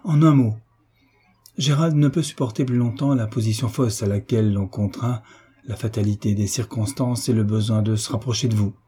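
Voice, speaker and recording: A man voicing an earnest young gentleman in an audiobook, explaining gently and earnestly. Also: lowish voice, fairly even intonation, moderate pace, lightly acted. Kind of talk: audiobook character reading.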